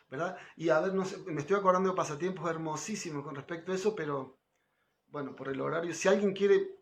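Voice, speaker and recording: A man's voice: on the high side, fairly bright tone. Man giving a chatty devotional class. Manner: conversational, frequent tag questions, quotes others with lifted voice. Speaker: spiritual teacher giving a class.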